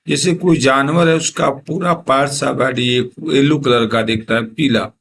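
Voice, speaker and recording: A man teaching a poetry lesson, asking questions and answering them himself, reading English lines slowly and then explaining them. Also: on the high side, gravelly, fairly bright tone, a little hiss or hum. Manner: slow, patient, asks and answers his own questions.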